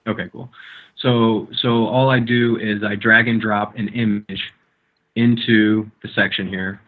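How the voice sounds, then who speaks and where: A man's voice: lowish voice, flat delivery, measured pace, narrow, tinny audio. A man on a video call that keeps breaking up, walking through a blog setup while sharing his screen, rambling with many ums and restarts. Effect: heard over a video call that breaks up. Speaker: guest demonstrating a blog setup. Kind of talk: screen-sharing tutorial chat. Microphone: computer microphone on a video call.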